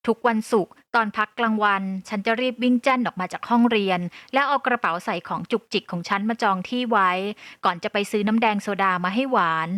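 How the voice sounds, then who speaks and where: Woman narrator, audio novel, first-person storytelling, bright, slightly high voice, dry close mic. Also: fast talker, hardly any pauses, no room sound.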